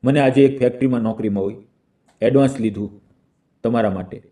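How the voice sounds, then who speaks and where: A man voicing a kind, poor young man who speaks softly and tenderly, in a storybook reading. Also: mid-range voice, fairly quick, far from the mic, lightly acted. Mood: reassuring.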